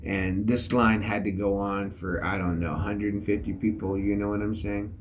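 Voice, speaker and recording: A man's voice: on the low side, level tone, moderate pace, a little hiss or hum. A middle-aged man, an army veteran, telling a story in a casual, rambling way with many fillers. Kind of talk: casual spoken reflection.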